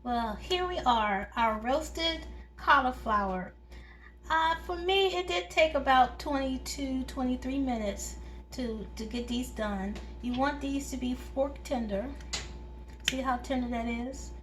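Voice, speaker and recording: A woman's voice: high voice, unhurried, fairly bright tone. A woman hosting a home cooking video, chatting homely as she talks viewers through each step in her kitchen. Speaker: home cooking channel host. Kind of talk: casual cooking demonstration.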